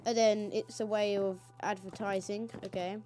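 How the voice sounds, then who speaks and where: A woman hosting a casual let's play, excitable and swearing as she reacts to the game. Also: mid-range voice, moderate pace.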